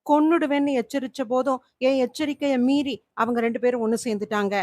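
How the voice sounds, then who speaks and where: A woman reading out a cruel, gloating male spirit in a horror storybook, fairly high-pitched and dry, close to the mic. The spirit speaks through a possessed wife, taunting and vengeful. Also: steady tone, brisk, darkish tone, no echo, close to an everyday voice. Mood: menacing.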